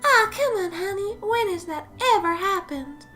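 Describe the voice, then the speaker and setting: A woman's voice: very high voice, expressive, moderate pace, bright, forceful tone, soft background music, pitched above the performer's own voice, heavily acted. A woman voicing a doting young wife with a syrupy sweet, cooing voice.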